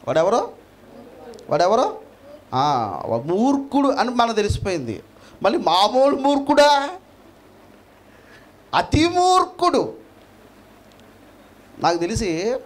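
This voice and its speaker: A man with a Telugu accent delivers a sermon in a lively, fairly high voice. His pitch climbs sharply on key words and then falls low and quiet. He asks his listeners questions again and again. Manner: dramatic, swings between loud emphasis and quiet drops, asks the crowd questions. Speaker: preacher.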